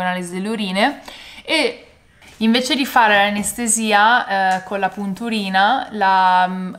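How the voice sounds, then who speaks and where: A young woman vlogging casually at home in her kitchen, chatty and animated, now and then dropping English phrases. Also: mid-range voice. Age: young adult. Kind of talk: casual vlog chat. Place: home loft kitchen, indoors.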